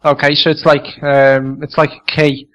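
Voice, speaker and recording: A man calling in with casual technical questions, halting and repeating words, heard through a low sample rate internet call that turns glitchy and robotic. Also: level tone, a bit bright. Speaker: caller on a live call. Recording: lo-fi, thin call audio heard from afar.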